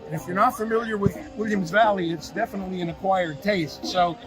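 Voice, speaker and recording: High-voiced man hosting a football show. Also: steady tone, a little fast, over music, low-quality recording. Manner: conversational, analytical. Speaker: sports show host. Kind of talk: high school football preview and interview.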